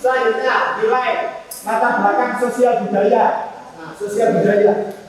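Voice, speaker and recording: A man, a student teacher giving an animated classroom lesson and acting out short nurse-patient exchanges. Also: high-pitched, unhurried. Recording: echoey classroom from far off.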